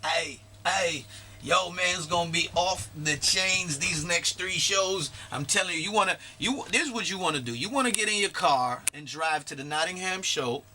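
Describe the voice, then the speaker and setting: A man from Guyana, a guest artist talking casually in a radio interview, laid-back and quick to laugh. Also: sits high, bright, forceful tone, slight background noise. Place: radio studio.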